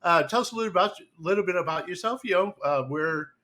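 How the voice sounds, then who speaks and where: A man's voice: high-pitched, quick pace, sharp tone. A man hosting a casual live podcast interview, talking loosely with many fillers and restarts. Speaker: podcast host.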